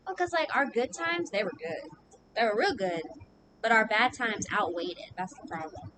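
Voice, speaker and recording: A woman co-hosting a podcast, chatting casually and telling animated stories with plenty of swearing. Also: fairly high pitch, normal speed, background noise. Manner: animated storytelling, frequent swearing. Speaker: podcast co-host. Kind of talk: casual chat.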